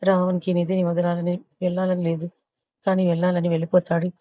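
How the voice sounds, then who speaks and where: A woman reads a romance novel aloud in a low, dark, mellow voice that stays even and level. The sound is dry and a little muffled, close to the microphone. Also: fast, no room sound. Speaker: audiobook narrator.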